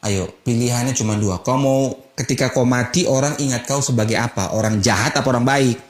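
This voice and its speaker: A man's voice: medium pitch, a little fast. Emphatic male pastor in an echoing church. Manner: emphatic, blunt preaching with rhetorical questions. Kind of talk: sermon. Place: church sanctuary. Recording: roomy church echo.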